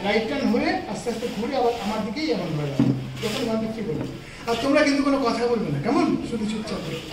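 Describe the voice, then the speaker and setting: A man's voice: very high-pitched, big pitch swings, rapid-fire. A middle-aged man performing a live magic show, talking showily to the audience and mixing English patter and counting into his talk. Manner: showy, mixes English counting and patter into Bengali. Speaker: stage magician. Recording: distant, echoey room with crowd noise.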